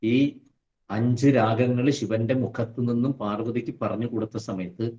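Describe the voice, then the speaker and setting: A man giving a devotional scripture lesson who recites verses slowly and then explains them. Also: medium pitch, steady tone, warm tone, lo-fi sound. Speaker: spiritual teacher.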